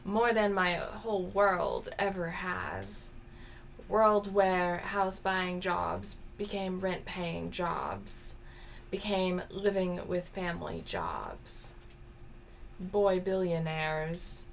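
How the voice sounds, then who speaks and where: A woman voicing a dorky, deadpan young woman poet, reading slowly and deliberately. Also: on the low side, gravelly, a little hiss or hum, full character voice. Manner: slow, deliberate poetry reading.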